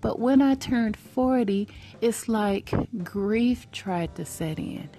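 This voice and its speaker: A woman's voice: on the high side, slow, dark tone. A woman in her forties giving an earnest faith-based motivational talk, preacherly and repeating phrases for emphasis. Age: 40s.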